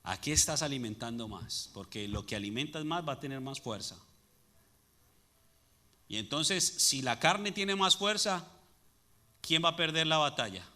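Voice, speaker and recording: A man's voice: fairly high pitch, expressive, a little slow, long pauses, bright, forceful tone. A man preaching a sermon as pastor, asking the congregation rhetorical questions and answering them. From Latin America.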